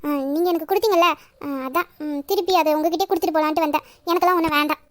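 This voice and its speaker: A playfully stubborn young wife pushes back at her husband with quick, giggling retorts, as a woman acts her out in a romantic audio drama. Her voice is very high and she talks fast. She sounds bashful but never gives in. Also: steady tone. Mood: giggly.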